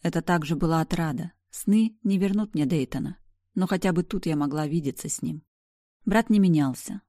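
Woman audiobook narrator, expressive, low voice, dry close sound. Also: moderate pace, dry recording. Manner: emotional, expressive reading. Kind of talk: first-person audiobook narration.

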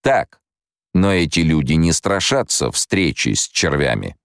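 A man voicing a stern, imperious emperor in an audiobook, speaking slowly and with command. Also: extremely low pitch, big pitch swings, creaky, no room sound, clean studio sound, voice pushed up, exaggerated voice. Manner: measured, commanding, slow. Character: stern imperious male emperor, cold and cutting.

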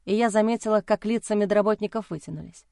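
A woman reading a first-person novel aloud in a steady, measured way. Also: medium pitch, vocal fry, clear, resonant tone, no room sound, clean studio sound. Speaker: audiobook narrator.

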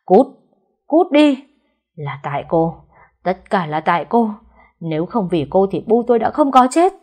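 A woman's voice: medium pitch, normal speed, breathy edge, natural voice. A woman voicing a grieving young son who wails and then turns harsh and violent in an audio story. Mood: furious. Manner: wailing, then harsh and shouting.

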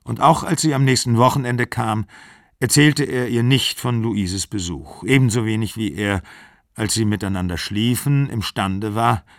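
A man calmly reading literary fiction aloud. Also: mid-range voice, dry recording, clean studio sound. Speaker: audiobook reader.

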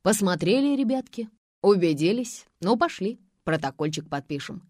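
Woman playing a smug loud police officer, male. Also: medium pitch, sing-song, normal speed, no echo, clean studio sound.

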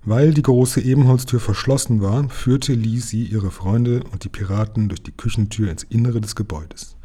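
A man reading a children's book aloud in a calm, measured storytelling manner. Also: fairly low pitch, slightly rough. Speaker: reader.

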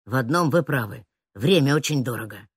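A woman voicing a serious, cautious teenage boy who talks tersely in a lowered voice. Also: lively intonation, fairly quick, slightly rough, no echo, studio quality, exaggerated voice. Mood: grumbling.

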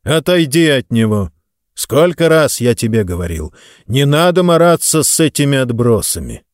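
A man's voice: medium pitch, big pitch swings, moderate pace, no room sound, clean studio sound, close to an everyday voice. A man voicing a stern, dismissive wealthy father who speaks curtly and gives orders, in an audiobook. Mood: scornful. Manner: curt, scornful, commanding.

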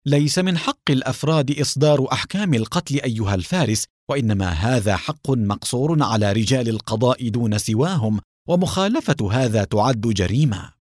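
A man's voice: medium pitch, animated, a little fast, a little mellow, no room sound, studio quality, close to an everyday voice. Man reading a bold young team leader. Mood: earnest.

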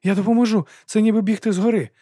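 A man voicing an anxious, eager young male apprentice in a storybook, speaking breathlessly and pitched above his own voice. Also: brisk, darkish tone, slightly rough, dry recording, clean studio sound. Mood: desperate.

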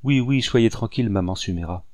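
A man playing a naive excitable young woman. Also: on the low side, a little fast, no room sound, studio quality, close to an everyday voice. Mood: eager.

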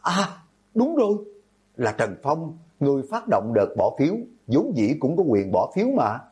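A man's voice: medium pitch, big pitch swings, normal speed, darkish tone, slightly rough, voice pushed up. A man voicing a teenage schoolboy who suddenly grasps what happened and exclaims it, in a horror audiobook. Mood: startled. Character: startled teenage schoolboy realizing the truth.

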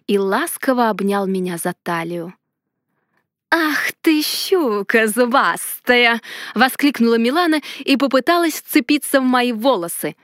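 Expressive woman narrating a fantasy tale. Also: fairly high pitch, dry recording, clean studio sound. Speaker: audiobook narrator. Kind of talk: first-person fantasy romance narration.

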